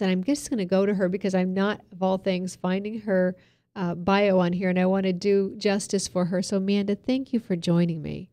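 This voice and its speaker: Mellow chatty woman hosting a talk show. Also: medium pitch. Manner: chatty and loose, with fillers and asides. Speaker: host.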